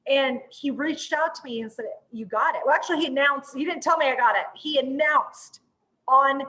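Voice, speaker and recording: A woman with a high-pitched voice hosts a casual promotional chat. She talks in an informal, chatty way and sounds readily excitable. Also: normal speed, rough recording. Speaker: host.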